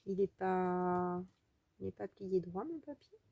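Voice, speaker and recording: A woman with a French accent hosts a casual crafting tutorial. Her voice sits a little low and has a gravelly edge. She chats and thinks aloud as she works, with trailing fillers. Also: monotone, slow pace, dry recording, narrow, tinny audio. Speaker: crafting video host.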